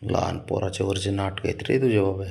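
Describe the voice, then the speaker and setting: A man gently coaxing and apologizing to his sulking cat in soft baby talk. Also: sits low, flat delivery, a little fast, vocal fry. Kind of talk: casual talk to a pet.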